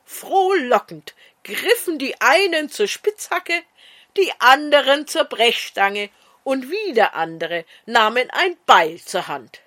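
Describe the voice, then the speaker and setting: Woman fairy-tale storyteller, slow, lively pitch, fairly high voice. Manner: expressive, sing-song. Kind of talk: storytelling narration.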